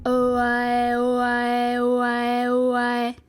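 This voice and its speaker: A woman with a slightly high voice performs a theatrical sci-fi monologue as a spacesuit AI that is possessive and coaxing, smug and controlling. Her pacing is slow, deliberate and over-articulated, intimate and insinuating, yet the delivery stays completely flat. Music sits under the voice.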